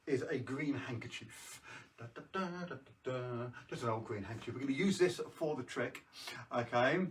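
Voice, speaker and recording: A man's voice: mid-range voice, fairly bright tone, recorded from a distance, a little hiss or hum. A British man doing jokey kids' party magician patter, presenting tricks on a live show with casual asides to viewers. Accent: British English.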